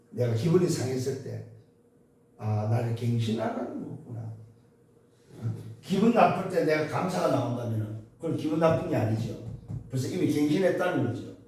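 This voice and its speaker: A man's voice: a little high, expressive, brisk, darkish tone, far from the mic. A male pastor preaching a sermon with emphatic call-and-response questions, sometimes slipping into conversational storytelling. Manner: tells anecdotes in a conversational preaching tone. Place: church sanctuary. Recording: very echoey church hall, voice from afar, faint noise.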